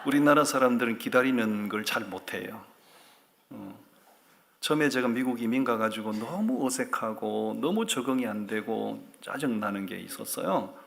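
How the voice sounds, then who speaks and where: A man's voice: mid-range voice, normal speed, gravelly, fairly bright tone. A man, a pastor, giving a sermon in a church, telling jokes and asking his congregation questions. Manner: humorous, asks the congregation questions.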